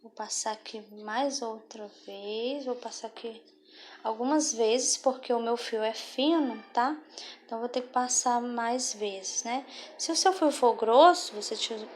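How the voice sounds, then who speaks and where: A woman's voice: a little high, slight background noise. A woman giving a patient step-by-step craft tutorial, often checking in with the viewer. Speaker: craft instructor.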